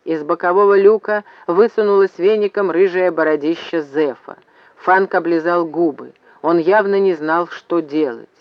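A man reading an audiobook with steady, dramatic narration, on a slightly dull lo-fi recording. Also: high voice, normal speed, no echo.

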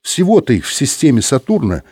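Male narrator doing a brisk, wry captain, husky voice. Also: medium pitch, wildly swooping pitch, darkish tone, dry recording, studio quality, voice pushed up. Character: cheerful middle-aged male ship captain.

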